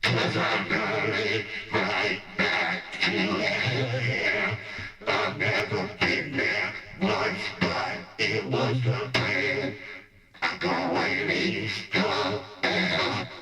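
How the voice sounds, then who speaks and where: A man's voice: mid-range voice, pushed and bright, echoey room, voice pushed up. A man putting on a robot voice filter as his own rambling alter ego, half-rapping rhymes to his livestream viewers. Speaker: livestream host.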